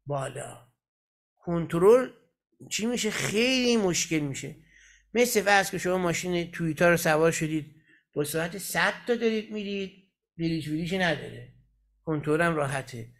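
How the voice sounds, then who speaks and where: Teacher, male, high-pitched voice, patient step-by-step explainer who keeps checking in with his class. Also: animated, creaky. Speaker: Quran recitation teacher. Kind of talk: lecturing in a recitation class.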